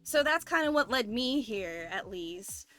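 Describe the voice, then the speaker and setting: A young woman with a bright, fairly high voice shares things casually on a group stream. She sounds earnest and reflective as she talks, with music playing faintly behind her. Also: lively intonation, measured pace. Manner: earnest, reflective storytelling with frequent 'like'. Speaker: member of a streamer group of artists. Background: background music.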